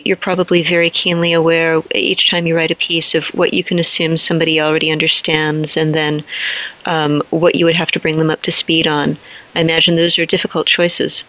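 A woman's voice: fairly low pitch, fairly bright tone, low-quality recording. A woman hosting a podcast panel, moderating in a conversational way and guiding the talk with questions. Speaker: podcast host.

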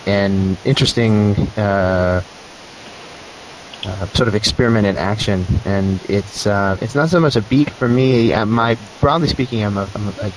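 Halting low-voiced man on a call. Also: slight background noise, rough recording. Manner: halting, thinking aloud with restarts. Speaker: journalist guest. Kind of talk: interview answers.

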